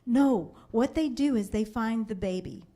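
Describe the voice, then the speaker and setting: Woman sales trainer telling stories at a seminar, kinda high, mellow voice, acts out the kids. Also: a little slow. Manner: animated storytelling, acting out family voices. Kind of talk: seminar talk to a live audience. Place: seminar room.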